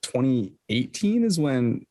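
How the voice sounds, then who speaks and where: Halting young man, dry close sound. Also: medium pitch, very animated, dark tone, no echo. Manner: halting, restarts often. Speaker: podcast co-host. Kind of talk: casual chat.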